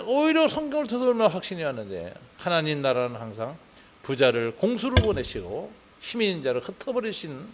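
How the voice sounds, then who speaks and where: A Korean pastor with a fairly high male voice preaches at an early morning service. He talks conversationally, often using tag questions, then builds to fervent emphasis before leading a prayer.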